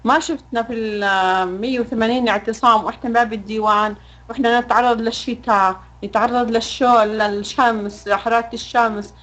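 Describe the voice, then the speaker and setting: A woman from Jordan with a Jordanian Arabic accent pleads in a rush of words, her voice set fairly high. She speaks as a mother making an emotional appeal during a live interview. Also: steady tone, very fast, fairly bright tone, highs cut off. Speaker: mother of a detained son.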